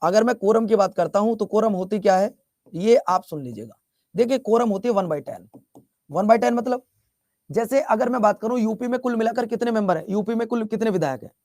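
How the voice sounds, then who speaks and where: A man's voice: sits high, a little fast, a little mellow, dry recording, clean studio sound. A male teacher from Bihar giving a chatty classroom lecture, repeating his questions and teasing students as he scolds them. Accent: Bihar Hindi.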